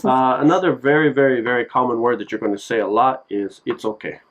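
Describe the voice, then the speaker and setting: A man talks through a relaxed, homemade phrase lesson at an everyday pitch. He jokes between examples and says each word again and again so the listener can copy it. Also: fast talker, muffled recording. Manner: relaxed, joking, repeats words to drill them. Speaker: language teacher. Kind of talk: casual language lesson. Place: Japan.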